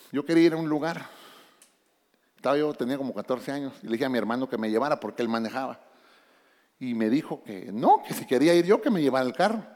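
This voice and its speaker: A man's voice: on the high side, big-room sound. A man preaching a sermon as pastor, addressing the congregation directly and often calling out to them. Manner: animated preaching, calls out to congregation. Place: church.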